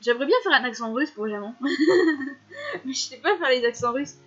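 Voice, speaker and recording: High-voiced young woman joking through a game. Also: expressive, brisk, fairly bright tone. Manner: joking, swears casually, laughs often. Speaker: let's-play gamer. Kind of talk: casual game commentary and reading aloud. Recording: slightly muffled, faint music behind.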